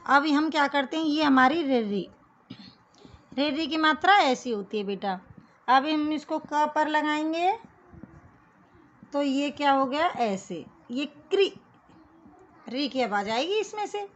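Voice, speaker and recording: A woman gives a children's lesson in a high voice, speaking slowly and patiently. She explains each step and keeps calling the kids "beta". The recording sounds dull and lo-fi. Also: expressive. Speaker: teacher.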